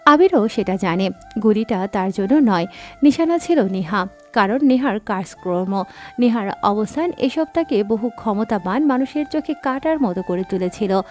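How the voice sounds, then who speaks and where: A woman narrating a scripted audio story in a steady, dramatic reading style. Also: medium pitch, normal speed, faint music behind.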